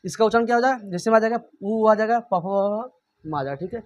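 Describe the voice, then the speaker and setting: A man's voice: high voice, quick pace, highs cut off. A man teaching a grammar lesson. He keeps asking and answering his own questions and repeats every point.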